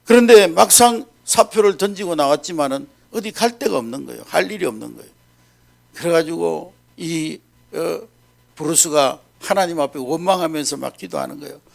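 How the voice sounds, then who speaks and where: A male pastor telling a story in an animated sermon, often checking in with the congregation. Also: fairly high pitch, normal speed, creaky.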